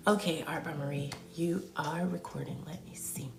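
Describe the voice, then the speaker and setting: A woman with a deep, steady, gravelly voice does a live spiritual reading for her stream viewers at a normal pace. She's soothing and affirming, often half-whispering and calling them pet names, in an echoey room with music behind her.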